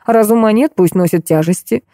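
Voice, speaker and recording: A woman's voice: mid-range voice, brisk, warm tone, no echo, studio quality, pitched above the performer's own voice, lightly acted. A woman voicing an imperious middle-aged woman boss who scolds her staff. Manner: commanding, scolding.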